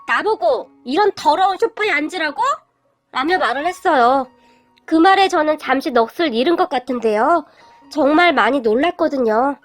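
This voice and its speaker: A woman with a high, light voice reads a first-person story aloud at an even storytelling pace. Faint music plays softly underneath. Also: no room sound. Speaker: story reader. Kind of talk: reading a submitted story aloud.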